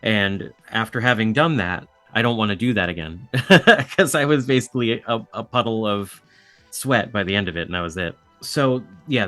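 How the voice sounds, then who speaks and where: A man's voice: on the low side, a bit bright, no echo. A man speaking as a podcast guest, explaining things in an easygoing, casual way. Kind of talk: casual chat.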